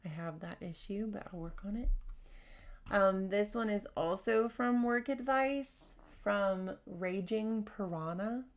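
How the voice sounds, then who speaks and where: A woman hosting a casual advice podcast, talking fast and candidly while she reads out workplace stories and comments. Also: medium pitch. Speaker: podcast host.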